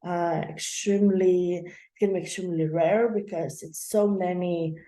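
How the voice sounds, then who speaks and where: A woman's voice: fairly low pitch, fairly even intonation, moderate pace, mellow. Chatty woman host in an echoey room. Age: young adult. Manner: chatty, loose, many fillers and laughs. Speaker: channel host. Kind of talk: casual explainer talk.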